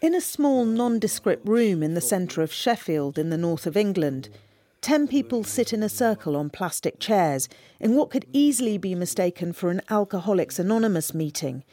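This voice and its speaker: A woman reporter giving scripted documentary narration in a measured, storytelling manner. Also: mid-range voice, animated, mellow.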